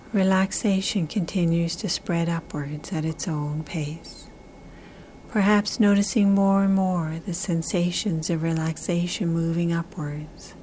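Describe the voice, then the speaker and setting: A woman guiding a relaxation meditation in a soft, soothing, breathy half-whisper, with slow, drawn-out, repetitive phrasing. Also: fairly low pitch, a little hiss or hum. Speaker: relaxation guide.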